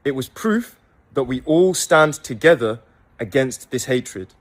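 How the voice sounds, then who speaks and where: A man's voice: medium pitch, lively intonation, a little slow. Emphatic man giving a rally speech. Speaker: speaker at a rally. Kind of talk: public speech.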